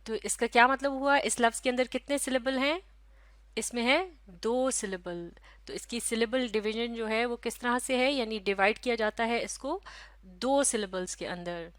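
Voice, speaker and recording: A woman teaching a recorded lesson in a patient, unhurried way. She sounds out each word slowly and says it again. Her voice sits a little high and the sound is close and dry, with no room echo. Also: a bit bright. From Pakistan. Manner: slow, patient, spells out syllables and repeats words.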